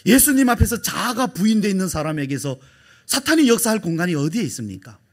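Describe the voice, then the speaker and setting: Husky-voiced Korean pastor preaching emphatically. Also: male voice, high voice, very animated, quick pace. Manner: emphatic preaching, acts out quoted lines, drops to a whisper. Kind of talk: sermon.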